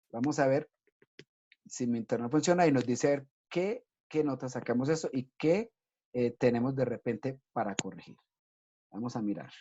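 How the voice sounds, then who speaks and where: A man's voice: mid-range voice, warm tone. A man teaching children English, patiently explaining step by step and often checking in with "¿listo?". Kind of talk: recorded online class for children. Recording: dull lo-fi recording.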